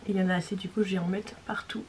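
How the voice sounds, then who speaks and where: A young woman chats through a beauty tutorial at an ordinary, mid-range pitch. She rambles with plenty of fillers and now and then slips into a whisper. A faint hiss of noise sits under the recording. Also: steady tone, rapid-fire. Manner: chatty and rambling, many fillers, drops to a whisper at times. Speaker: beauty vlogger. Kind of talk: casual makeup tutorial chat.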